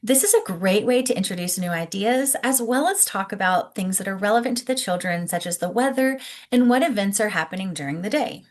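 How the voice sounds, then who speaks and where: A woman presenting scripted teaching tips as an early childhood educator, explaining clearly and encouragingly and speaking directly to the listener. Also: medium pitch, animated, brisk. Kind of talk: instructional presentation, scripted narration to camera.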